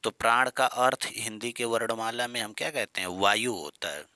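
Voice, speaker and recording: A man's voice: medium pitch, flat delivery, a little fast, sharp tone, clean tone, no echo. A man teaching Hindi grammar in an online exam-prep lesson. He asks his students questions and repeats the key terms, with playful jokes and mild scolding.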